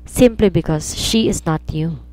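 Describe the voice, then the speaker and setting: A woman's voice: on the low side, unhurried, no echo, lightly acted. A woman voicing an angry, drunk young man who coldly pushes a woman away in an audio romance story. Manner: cold, cutting, shouting.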